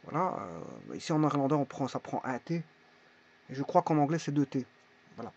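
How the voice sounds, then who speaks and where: A man teaching a language lesson in a casual, halting way, pausing often to think. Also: medium pitch, huge pitch swings, creaky, darkish tone. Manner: halting, many fillers and restarts. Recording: dull lo-fi recording.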